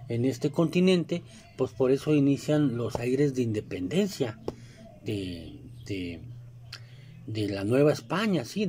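A man with a Mexican Spanish accent speaks in a mid-range, slightly mellow voice, with a faint hiss or hum on the recording. He's a commentator wandering through a loose, casual monologue, packed with fillers and side remarks and constant "you know?" checks.

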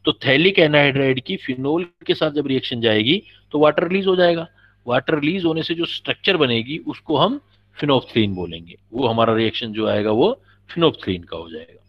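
A man's voice: mid-range voice, lively intonation, moderate pace. A man teaching a chemistry class, patiently explaining and quizzing his students. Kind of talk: classroom lecture. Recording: dull lo-fi recording.

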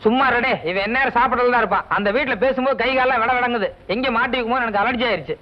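A sly young trickster who wails and pleads to win sympathy. The voice sits very high. It comes from a muffled old 1980s film soundtrack. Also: male voice, racing. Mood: grumbling. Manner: wailing, pleading. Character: sly young man faking tearful grief. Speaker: lead character in a film comedy.

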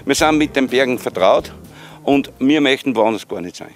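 An older man from Bad Goisern with an Upper Austrian accent, talking in a homely, warm-hearted way outdoors. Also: mid-range voice, lively intonation, moderate pace, soft background music. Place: outdoors in a town.

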